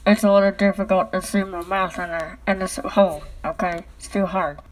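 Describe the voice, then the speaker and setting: Talking into her phone indoors at home, a woman rambles through a cardboard tube, tacking a questioning "okay?" onto nearly each sentence. Her pitch is medium, her tone steady, and her pace brisk, though the recording is rough.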